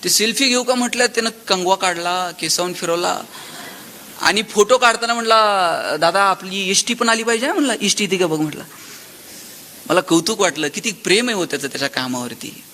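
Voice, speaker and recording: A man gives a motivational lecture in a high, bright voice. He tells stories animatedly, voicing the people in them and swinging between loud exclamations and hushed asides. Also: brisk, slight background noise. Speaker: motivational speaker. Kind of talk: public lecture with storytelling.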